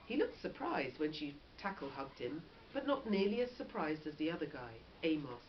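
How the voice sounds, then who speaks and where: In a low-sitting voice and at a moderate pace, a woman reads a kids' story in the lively manner of a teacher. Brief explanations break up the narration, and the audio sounds dull and lo-fi, with a faint noise underneath.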